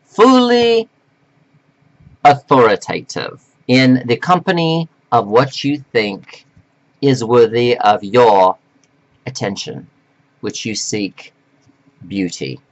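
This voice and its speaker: Male self-styled coach, slow preachy scolding monologue to camera. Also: lo-fi sound. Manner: slow, preachy and scolding, with sudden pitch jumps; reads from notes. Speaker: self-styled life coach addressing men.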